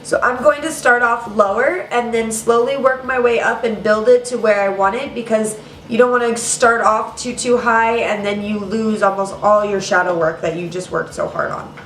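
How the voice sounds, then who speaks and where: Her voice is slightly high, steady and a bit bright at normal speed as this young woman hosts a chatty, casual makeup tutorial full of "girl" and "you guys." She sounds a little congested and nasal from allergies. The mic sits at some distance in a roomy space, with a light hiss or hum.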